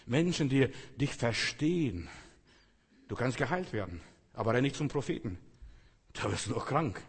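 A man's voice: mid-range voice, lively intonation, moderate pace, husky, in a large hall. A man preaching a sermon in a conversational way, often turning to the listener directly. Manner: conversational, addresses listener with "weißt du".

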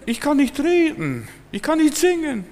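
A man voicing a timid, whiny Moses who pleads with God, in a high, complaining voice full of excuses. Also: wildly swooping pitch, normal speed, darkish tone, heavily acted. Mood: whining. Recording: long hall reverb.

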